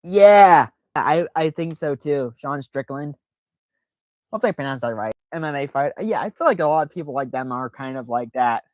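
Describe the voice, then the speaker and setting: A man's voice: mid-range voice, expressive, normal speed, dry recording. Man, live stream host, rambling casual chat, self-deprecating, dry sound.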